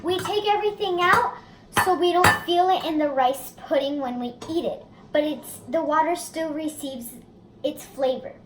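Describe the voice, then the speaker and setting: A child co-hosts a casual cooking demonstration at home, speaking at a normal speed in a high-pitched voice. The recording picks up roomy kitchen echo and background noise.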